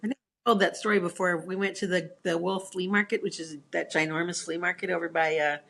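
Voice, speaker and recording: A woman in a casual chat, telling stories in an animated way and laughing at herself. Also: lowish voice, quick pace, creaky. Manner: animated storyteller, acts out quotes, laughs at herself.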